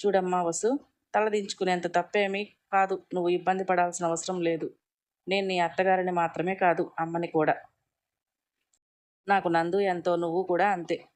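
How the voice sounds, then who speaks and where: A woman's voice: on the low side, little pitch movement, normal speed, darkish tone, lightly acted. A woman voicing an affectionate middle-aged mother-in-law in a storybook reading, soothing and motherly.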